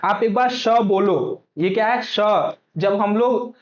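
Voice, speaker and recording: A Hindi teacher doing exam prep speaks slowly in a high-sitting voice, repeatedly asking his own questions and then answering them. The recording is echoey with a dull lo-fi sound.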